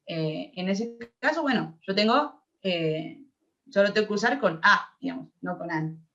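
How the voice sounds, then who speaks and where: A woman's voice: medium pitch, expressive, a little slow, a bit bright. A young woman with an Argentine accent teaching an English grammar class, explaining patiently and checking that her students follow. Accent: Argentine Spanish. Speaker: English tutor. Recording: dull lo-fi audio.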